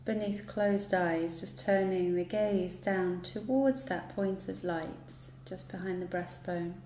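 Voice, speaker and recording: A woman with a mellow, dark, medium-pitched voice guides a yoga relaxation. She delivers each instruction soothingly and slowly, leaving long pauses in between. The room echoes noticeably and there's light background noise.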